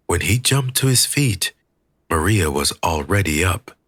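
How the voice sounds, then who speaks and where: A man reading an audiobook in a measured, expressive storytelling manner. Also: low voice, slightly rough, no echo, clean studio sound. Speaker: audiobook reader. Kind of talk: scripted audiobook narration.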